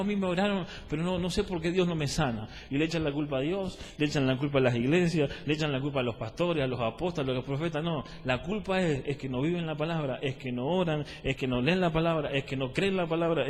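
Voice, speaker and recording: A male preacher with a Rioplatense Spanish accent delivers a teaching sermon in a somewhat high voice. He repeats his key phrases and keeps asking the listeners whether they understand. His voice rings with long reverb, as in a church hall. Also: fast talker, few pauses. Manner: repetitive, asks the listeners if they follow.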